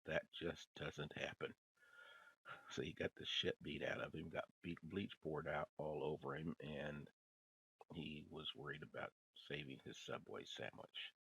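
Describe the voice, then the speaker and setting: Very deep, gravelly grandpa voice. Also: male voice, fairly even intonation, unhurried, sharp tone, poor audio. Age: older. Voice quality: gravelly, husky. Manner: grandpa voice, rambling and folksy. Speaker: vlogger reading news headlines. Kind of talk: casual reading and commentary.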